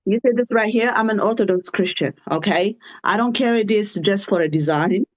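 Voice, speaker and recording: A woman's voice: mid-range voice, fairly quick. A woman from Ethiopia pushes back in a heated live debate, frank and questioning, with plenty of ums. Her voice comes through a dull, lo-fi call line. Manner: frank, questioning, uses fillers.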